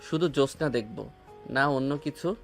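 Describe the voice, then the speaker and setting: Playing a fond, playful young husband, a man speaks tenderly and teasingly in a romantic audio drama with gentle music underneath. His mid-range voice carries vocal fry, keeps a moderate pace, and sounds close to how he'd talk every day.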